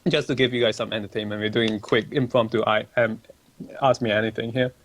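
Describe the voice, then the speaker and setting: A young Malaysian livestream host answers viewer questions, reading them aloud at a desk microphone and chatting in a rambling fashion. His lowish voice is a bit bright and brisk, with fairly even intonation. A little hiss or hum can be heard.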